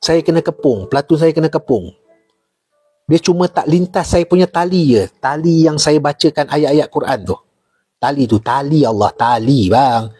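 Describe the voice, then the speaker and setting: A man's voice: on the high side, normal speed, slightly rough, no room sound, clean studio sound, soft background music. A middle-aged man with a Malaysian Malay accent, a former army officer telling stories in casual chat, repeating key points and asking his listeners questions. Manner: animated storyteller, repeats key points, asks the audience rhetorical questions. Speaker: retired army officer guest.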